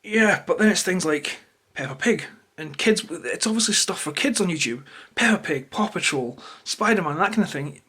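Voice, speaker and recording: A man's voice: high-pitched, animated, moderate pace, hardly any pauses, pushed and bright, husky. A Scottish man giving a rambling, unscripted, irritated rant to camera with plenty of swearing. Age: adult, parent of a toddler. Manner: irritated, opinionated. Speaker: YouTuber. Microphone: camera held or placed close to him.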